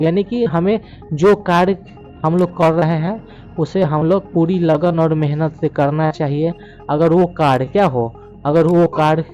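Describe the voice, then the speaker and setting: A man teaching a poem, explaining it line by line and reading the English lines very slowly. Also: fairly high pitch, dark tone, dull audio. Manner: explains slowly, repeats "yani ki" often.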